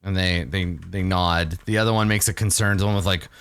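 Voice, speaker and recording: A man narrating a tabletop game as game master, improvising in halting, repeated phrases. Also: deep voice, fairly even intonation, a bit bright, smooth, no echo.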